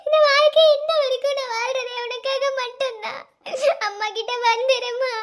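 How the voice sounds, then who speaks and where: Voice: extremely high pitch, fairly even intonation, normal speed, fairly bright tone. A voice actor playing a young mother who pleads and repeats herself, frantic and tearful over her sick child.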